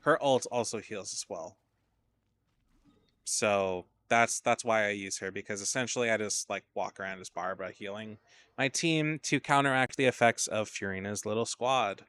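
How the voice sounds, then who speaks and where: A man's voice: lowish voice, moderate pace, a bit bright. A man casually commentating his gameplay on a stream, rambling and swearing, getting tired as he plays. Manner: rambling, profane, drowsy asides. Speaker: game streamer.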